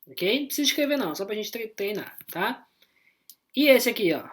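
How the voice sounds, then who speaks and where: A woman with a Brazilian Portuguese accent, explaining an online English lesson in a chatty way and tagging her sentences with quick checks to the class. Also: a little high, very animated. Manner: chatty, explanatory, constant "né?" and "tá?" tags. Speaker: English teacher.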